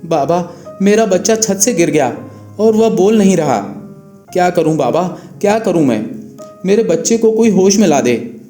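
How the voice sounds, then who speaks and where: A man voicing a devout young mother who pleads in a high, wailing voice, recorded in an echoey room with faint guitar music. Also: huge pitch swings, moderate pace, mellow.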